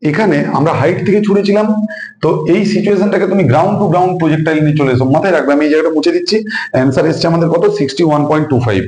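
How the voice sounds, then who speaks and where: Man, physics tutor, fast and mellow, echoey room. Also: on the high side. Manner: explains step by step, repeats numbers, asks students questions. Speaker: physics teacher. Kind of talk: whiteboard lesson. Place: room with a student nearby.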